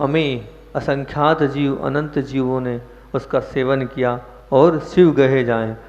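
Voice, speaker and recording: A man giving a sermon as a Jain monk, explaining verses and putting questions to his listeners. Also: mid-range voice. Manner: explains verses, asks the audience questions, stresses words. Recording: muffled echoey hall recording.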